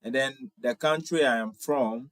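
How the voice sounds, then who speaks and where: A Ghanaian man in his twenties hosts a casual livestream, reading viewer comments aloud and answering them warmly, often repeating himself. His mid-range voice is a bit bright and unhurried, and the recording is dry.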